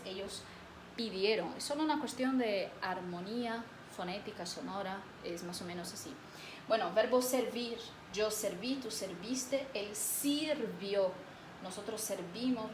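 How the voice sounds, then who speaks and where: Patient woman teacher, roomy echo. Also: on the high side. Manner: patient, drills conjugations slowly, checks in with "¿ok?". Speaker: Spanish teacher. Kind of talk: video lesson. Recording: roomy echo, faint background hiss.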